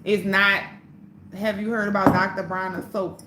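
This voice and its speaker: A woman's voice: medium pitch, flat delivery, moderate pace, reverberant, background noise. A woman hosting a casual livestream, talking bluntly and profanely to her viewers. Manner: blunt, profane, fired-up pep talk. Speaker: livestream host.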